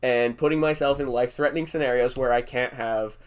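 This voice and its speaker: A man's voice: medium pitch, steady tone, fast, clean tone. A young man hosting a casual podcast, rambling through jokey stories and laughing often. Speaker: podcast host. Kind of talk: casual chat.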